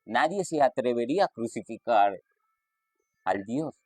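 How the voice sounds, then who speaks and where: A man preaching a sermon, reading scripture and stressing quoted lines with sudden lifts in pitch. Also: lively intonation, a little slow, no room sound, faint music behind.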